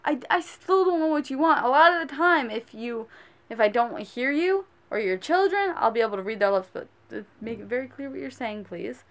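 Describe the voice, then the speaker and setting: A woman's voice: high-pitched, expressive, fairly quick, fairly bright tone. A woman on a casual rant as a sandwich shop worker, exasperated and scolding, speaking emphatically.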